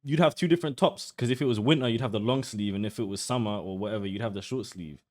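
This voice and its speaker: A man's voice: lowish voice, fast, darkish tone. A young British man reacting live on stream in blunt, brash talk, swearing and mocking as he goes. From United Kingdom.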